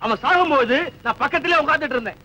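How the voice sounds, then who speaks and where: An actor playing a middle-aged doctor who jokes bluntly and teases in an offhand way. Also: male voice, very high-pitched, very fast, bright, forceful tone, full character voice, low-quality recording. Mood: teasing. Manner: mocking, offhand.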